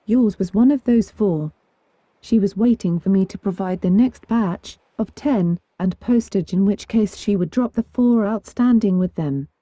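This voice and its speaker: A woman reading forum posts aloud at a steady pace, spelling out abbreviations letter by letter. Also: mid-range voice, no echo. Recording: dull, lo-fi dry recording.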